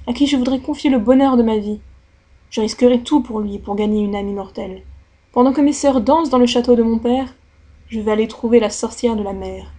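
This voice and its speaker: A woman's voice: a little high, mellow, natural voice. A woman voicing a young, lovesick mermaid princess in a storybook reading, timid but determined, speaking earnestly. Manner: earnest and longing.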